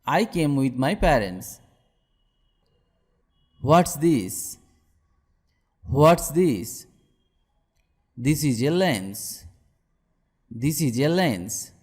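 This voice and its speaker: Slow-drilling man, lively pitch. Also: husky. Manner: slow, each phrase said twice. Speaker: English teacher. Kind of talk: repeated phrase drills. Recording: long hall reverb.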